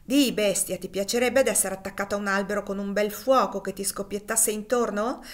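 A woman's voice: medium pitch, fairly even intonation, brisk, close to an everyday voice. A woman doing a cruel mocking slave master. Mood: taunting. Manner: taunting, loud and menacing. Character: cruel brutal male slave owner, mocking.

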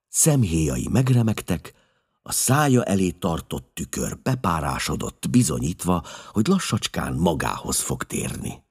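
A man narrating an audiobook story in a measured, expressive storytelling manner with a husky voice. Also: deep voice.

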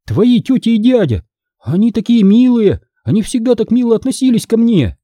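A man reading an audiobook, voicing an eager, excitable young girl in a high, breathless voice. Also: moderate pace, no echo, studio quality, exaggerated voice. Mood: anxious. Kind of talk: audiobook character voice.

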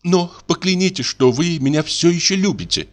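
A man's voice: a little high, moderate pace, pitched above the performer's own voice, lightly acted. A man voicing a despairing young woman who pleads and sobs in a literary audiobook. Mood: tearful. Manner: pleading and sobbing.

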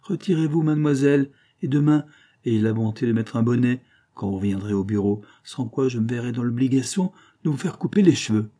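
Storybook figure: a harsh older spinster aunt, stern and rough-toned, put on by a male reader. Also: mid-range voice, animated, brisk, warm tone, close to an everyday voice. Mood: commanding.

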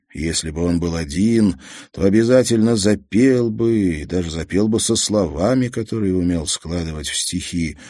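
A man narrating a story in a calm, measured way. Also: fairly low pitch, dry recording, studio quality. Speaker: audiobook narrator.

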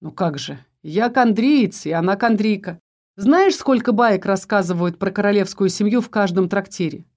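A woman reading the part of a teasing, protective young husband in an audiobook, with a mellow voice that stays close to her own. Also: mid-range voice, lively intonation, normal speed, lightly acted. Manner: teasing, persistent questioning.

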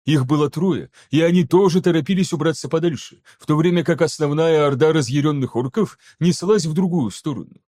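A man narrating an action-packed fantasy audiobook with steady, even storytelling. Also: a little high, fairly quick, hardly any pauses. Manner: steady, even storytelling that voices each character. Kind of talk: scripted narration.

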